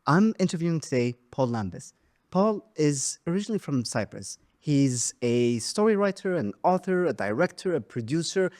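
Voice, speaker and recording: Introducing his guest, a podcast host sounds warm, grateful and self-deprecating. His voice is fairly high, with big swings in pitch, and he talks at a normal speed.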